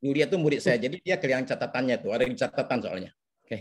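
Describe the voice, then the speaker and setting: Lively teacherly man lecturing online. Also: mid-range voice, racing, husky. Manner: teacherly, checks in with repeated oke and ya. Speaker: counseling teacher. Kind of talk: webinar lecture. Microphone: video call.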